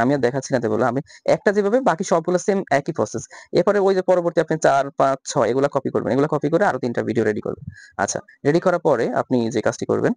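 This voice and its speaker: A man talking through a software tutorial step by step, asking himself questions and answering them. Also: mid-range voice, vocal fry, dry recording. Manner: repetitive step-by-step instructions, rhetorical questions. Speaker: tutorial host. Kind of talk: screen-recorded software tutorial.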